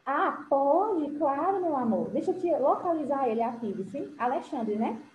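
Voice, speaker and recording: High, affectionate woman teacher on a video call. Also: expressive, normal speed, darkish tone. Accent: Brazilian Portuguese. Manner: affectionate, encouraging, pet names. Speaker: English teacher. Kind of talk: online class with children. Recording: roomy, dull video-call audio with faint hiss.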